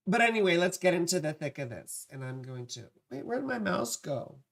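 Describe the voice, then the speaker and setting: Creaky vocal fry, casual livestream astrology host. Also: medium pitch, very animated, moderate pace. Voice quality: vocal fry, dry parched voice. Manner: playful, scattered, self-interrupting, with affectionate asides. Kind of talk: casual rambling livestream chat with viewers.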